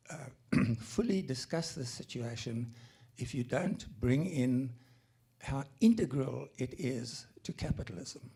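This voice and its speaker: Raspy, gravelly man asking a question. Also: mid-range voice, dark tone. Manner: hesitant, impassioned, many fillers and throat clearing. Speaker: audience questioner. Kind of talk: audience question at a panel.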